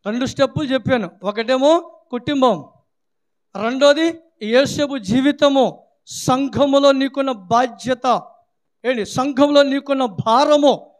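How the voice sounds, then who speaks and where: A man pastor preaching a sermon, firing rhetorical questions and crying out hallelujah, rising to shouts and dropping low. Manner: swings between loud shouting and low quiet stretches.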